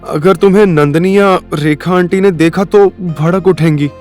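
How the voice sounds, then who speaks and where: A man's voice: high-pitched, steady tone, moderate pace, a little mellow, faint music behind, pitched above the performer's own voice, natural voice. A man voicing an anxious young woman heroine in an audio story, speaking in alarmed, questioning tones. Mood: worried.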